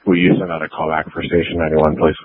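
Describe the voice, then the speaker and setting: A male responder with an extremely low voice talks bluntly and quickly on the radio. The sound is thin and phone-like. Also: little pitch movement. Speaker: emergency responder. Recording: narrow, phone-like two-way radio.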